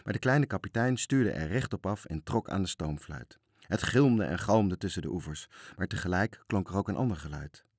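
A man reading a children's story aloud in a calm, even storytelling manner. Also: deep voice, moderate pace, breathy edge, no echo, clean studio sound.

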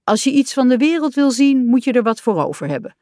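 A woman's voice: sits high, sing-song, fairly quick, a little mellow, no echo, clean studio sound, voice pushed up. A woman voicing an impatient, bossy male rat in a storybook, stern and eager for adventure.

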